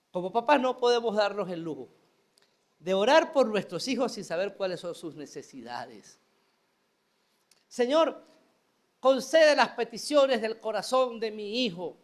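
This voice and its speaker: A man preaches a sermon, acting out prayers and voices as he goes. His voice sits high and swings widely in pitch, rising and dropping with each point. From Venezuela. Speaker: pastor.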